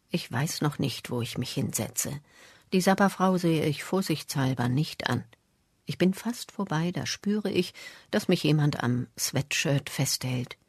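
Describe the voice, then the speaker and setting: An adult reader giving a measured first-person storybook narration. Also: mid-range voice, vocal fry, breathy edge, no room sound. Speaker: audiobook reader.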